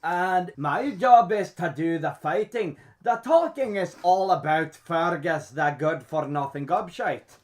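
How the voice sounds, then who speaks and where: A man's voice: a little high, expressive, a little slow, few pauses. A man voicing a hard-drinking male pit fighter, talking in a blunt, boastful, crude way. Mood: gruff. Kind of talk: in-character roleplay interview.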